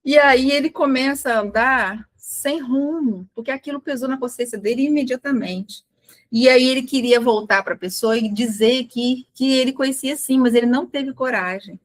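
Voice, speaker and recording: A woman leads a spiritual study. Her voice sits a little high, and she retells scripture earnestly, acting out the dialogue and often restarting her words. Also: moderate pace. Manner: earnest storytelling, voicing quotes with restarts. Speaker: study group speaker.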